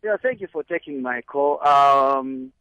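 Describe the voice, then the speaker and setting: A man from Zambia, calling in to a radio show. He speaks earnestly and with a measured pace, with hesitant fillers. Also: medium pitch, animated, pushed and bright, no echo. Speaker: caller. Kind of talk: call-in phone conversation. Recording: dull lo-fi phone line.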